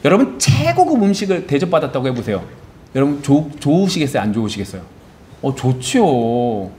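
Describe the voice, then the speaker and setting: A man with a mid-range voice preaches fairly quickly as pastor in a church sanctuary. Animated, he keeps posing rhetorical questions to the congregation and answering them himself, acting out biblical figures in quoted voices.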